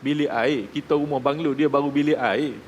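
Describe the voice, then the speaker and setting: A man with a Malaysian Malay accent gives a sermon to a live audience. His voice sits fairly high and he keeps checking in with his listeners. A long reverb from the hall hangs on his words. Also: steady tone, fairly quick, highs cut off, slight background noise. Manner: addresses the audience directly, asks checking questions; acts out quoted people in his stories. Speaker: preacher. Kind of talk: religious talk to a live audience. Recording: reverberant hall with faint ambience.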